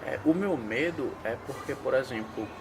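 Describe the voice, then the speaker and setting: A man's voice: mid-range voice, moderate pace, background noise. A man, hosting an interview and probing with questions laid out step by step. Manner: probing, lays out cases step by step.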